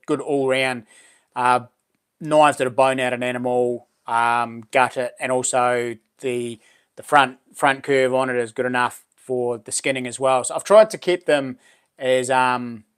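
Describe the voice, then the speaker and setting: A man's voice: mid-range voice, clear, resonant tone. A man in his late forties with a broad New Zealand accent, chatting casually to livestream viewers in laid-back, blokey slang. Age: late 40s. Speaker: livestream host. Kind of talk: casual live chat with viewers.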